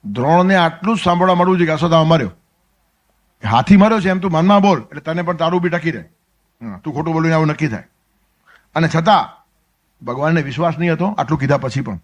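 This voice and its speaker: A man's voice: a little high, expressive, fast talker, pauses often. A man with a Gujarati accent giving a Gita discourse, telling stories and acting out the characters' lines. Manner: storytelling, acts out dialogue with sudden drops to soft asides. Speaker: spiritual discourse speaker.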